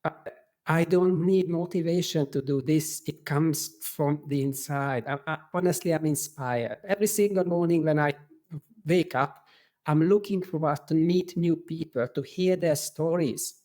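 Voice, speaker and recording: Earnest Hungarian-accented man, fairly high voice. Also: normal speed, mellow. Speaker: podcast guest, qigong instructor.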